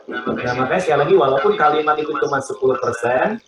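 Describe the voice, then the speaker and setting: A man speaks as a pastor, in an animated, joking manner, his voice sitting somewhat high. The sound rings in an echoey room. An audience can be heard around him. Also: quick pace, a crowd in the background. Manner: animated, joking, acts out example phrases. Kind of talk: teaching talk on family life.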